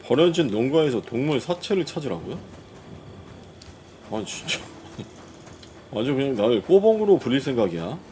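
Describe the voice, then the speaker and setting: Very fast-talking male game streamer. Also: mid-range voice, big pitch swings, mellow, slight background noise. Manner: playful grumbling, talks back to the game. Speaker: gaming streamer playing and reacting. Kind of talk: casual game commentary.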